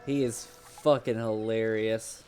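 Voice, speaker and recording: A man's voice: lowish voice, fairly even intonation, slow, darkish tone, soft background music. Casual swearing man streaming a game. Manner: casual, swears, reads text aloud. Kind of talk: gaming stream commentary.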